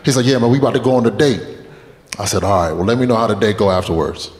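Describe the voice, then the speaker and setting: On stage in an echoey club with long reverb, a man in his late twenties runs through a stand-up set, telling loose, profane stories and bantering with the crowd. His voice sits on the low side and comes out animated and rapid-fire. Audience laughter fills the background.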